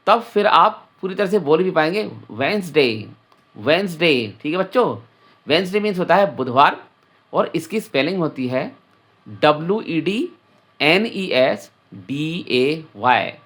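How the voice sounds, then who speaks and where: A male teacher leads a children's English lesson in an unhurried, patient way. He spells each word out letter by letter, then repeats it, and speaks directly to the children. His voice sits a little high, and his pace stays slow throughout. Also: sing-song, fairly bright tone.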